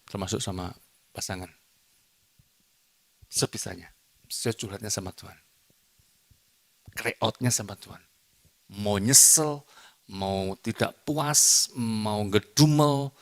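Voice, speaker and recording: A middle-aged preacher from Indonesia delivers a church sermon. He goes from loud, emphatic declarations down to quiet, confiding asides and teases the congregation now and then. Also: lowish voice. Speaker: evangelist preacher. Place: church hall during a service.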